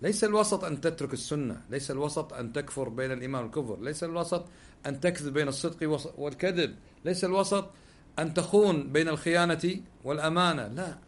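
A man's voice: on the high side, fast. A man teaching a religious lesson, posing rhetorical questions and answering them himself. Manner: Gulf Arabic dialect. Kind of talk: sermon-style lesson with questions.

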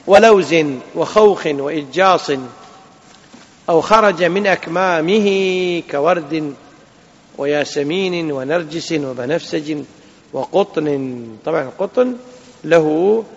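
A man teaching a classroom lesson, reading a legal text aloud and explaining it slowly, often checking with his students. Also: a little high, long reverb tail, lo-fi sound. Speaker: Islamic jurisprudence teacher.

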